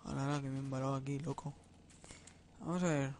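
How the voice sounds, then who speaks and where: Excitable young gamer with a Spain Spanish accent. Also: male voice, medium pitch, quick pace, a little hiss or hum. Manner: excitable, rambling, swearing, sing-song nonsense syllables. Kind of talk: let's play commentary.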